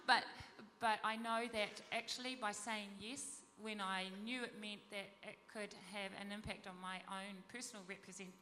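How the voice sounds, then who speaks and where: A woman giving an earnest, halting testimony to a church gathering, with many restarts. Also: mid-range voice, fairly even intonation, big-room sound, background noise. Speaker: panel speaker at a church event. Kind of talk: testimony talk.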